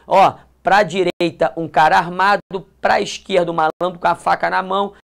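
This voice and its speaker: A woman's voice: lowish voice, steady tone, moderate pace, vocal fry. A woman with a Brazilian accent teaching grammar in a video lesson, emphatic, repeating key points and dropping colloquial asides. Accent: Brazilian Portuguese. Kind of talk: classroom-style video lesson.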